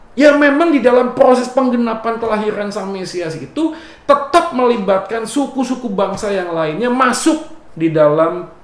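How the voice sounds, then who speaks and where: A man giving a relaxed, conversational Bible exposition sermon, joking often and adding "ya" after his phrases. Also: high voice, roomy sound. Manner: casual and joking, often adds "ya". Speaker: preacher.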